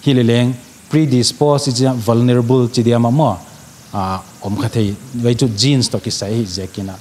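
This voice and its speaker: A man who works as an addiction counsellor, explaining calmly and mixing in English terms during a panel discussion. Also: medium pitch, drawn-out words, a little hiss or hum. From Manipur, India.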